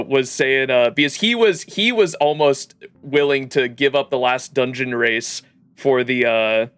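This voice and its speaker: A man with a fairly bright, clean, mid-range voice livestreams a game, chatting casually with viewers in slangy, jokey, profane talk. Game music plays beneath his voice.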